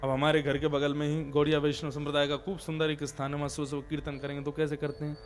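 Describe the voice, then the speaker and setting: A man's voice: a little high, completely flat delivery, quick pace, soft background music. A male preacher giving a devotional sermon, explaining and stressing correct pronunciation as he tells a story.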